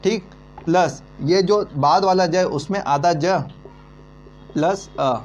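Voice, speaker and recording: A man teaching an online lesson, talking slowly and answering his own questions as he goes. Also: sits high. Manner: slow, repeating, asks then answers himself. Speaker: Hindi teacher. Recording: dull lo-fi with mains hum.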